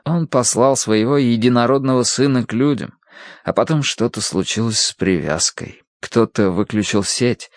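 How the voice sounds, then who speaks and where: A man voicing a weary, ill older man who mutters quietly and slowly. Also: on the low side, dry recording, clean studio sound, natural voice.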